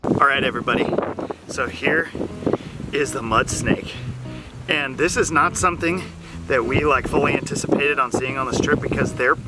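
A man's voice: medium pitch, normal speed, rough recording. A young man informally explaining wildlife outdoors, leaning on repeated words and casual hesitations, picked up by a camera a few feet away. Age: young adult. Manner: hesitant, repetitive emphasis, says like often. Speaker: snake presenter in a wildlife vlog. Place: outdoors at night. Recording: loud music behind outdoor speech.

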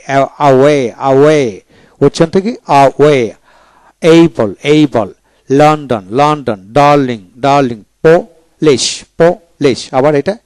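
Man slowly drilling English words. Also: medium pitch, no room sound. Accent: Bangladeshi. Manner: slow, careful repetition of each word. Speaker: English pronunciation teacher. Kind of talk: pronunciation drill, reading words twice.

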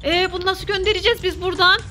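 A woman in her thirties, a mother hosting a playful family vlog, talking in an excitable, mock-frightened, teasing way. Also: very high-pitched, very fast, over music.

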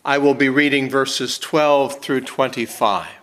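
A man in his sixties, a pastor, reading scripture and praying in a slow, measured, emphatic way in a church sanctuary. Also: mid-range voice, fairly even intonation, fairly bright tone.

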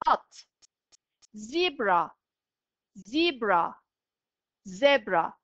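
A woman teaching an English vocabulary lesson, slowly and clearly pronouncing each word twice for students to repeat. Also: a little high, a bit bright, dry recording, highs cut off.

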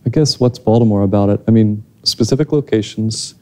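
On a theater stage after a screening, a thirtysomething man answers the audience through a handheld mic. He has a mellow, lowish voice and speaks fairly quickly, pausing to think and restarting his sentences many times.

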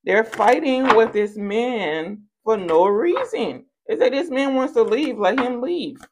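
A woman hosts a casual tarot reading at a card table indoors, telling stories playfully and sprinkling in slangy endearments as the channel's host. Her fairly high voice is animated and slow-paced, with background noise.

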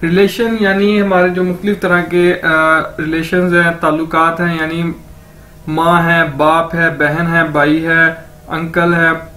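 A man teaching an online language lesson, slowly repeating each word many times for drill. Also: fairly high pitch, flat delivery, bright, forceful tone. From Pakistan. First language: Urdu.

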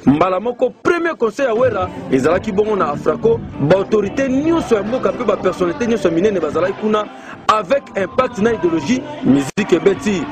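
A man's voice: high voice, lively intonation, fast, music in the background. A man narrating a news report voice-over in Lingala with French words. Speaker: news presenter.

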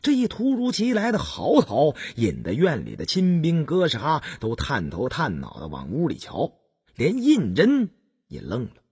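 Husky guy reading a history novel, slow, voice goes up and down a lot. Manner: expressive, swinging pitch, slow delivery. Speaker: audiobook narrator. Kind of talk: storytelling narration.

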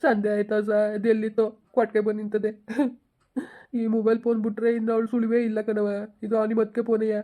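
A woman's voice: fairly high pitch, completely flat delivery, fast, phone-quality sound, close to an everyday voice. A woman playing a grieving middle-aged village husband, crying and pleading in a village drama. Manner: pleading, sobbing speech.

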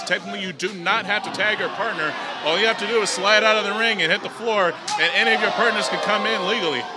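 High-pitched man, lucha libre announcer. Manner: lucha libre announcer, calling moves and exclaiming. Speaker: lucha libre match commentator. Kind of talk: excited play-by-play wrestling commentary. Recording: noisy hall recording with loud crowd. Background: loud wrestling crowd.

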